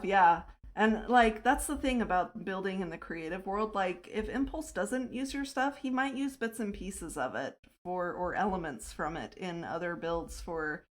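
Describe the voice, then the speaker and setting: A woman hosting her own livestream, chatting casually while she plays, laughing often and answering her chat. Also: on the low side. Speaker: livestreamer and server host.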